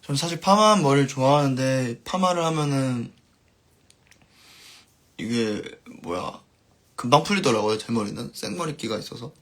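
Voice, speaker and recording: A band musician chats casually on his live stream, reading viewer comments aloud as his sentences fade softly at the ends. His mid-range voice is husky.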